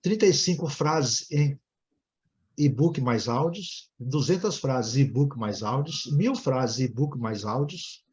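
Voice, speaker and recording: A Brazilian Portuguese-speaking man teaching an English class online, explaining at length and ending nearly every phrase with a quick "né?". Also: mid-range voice, expressive, darkish tone, lo-fi sound.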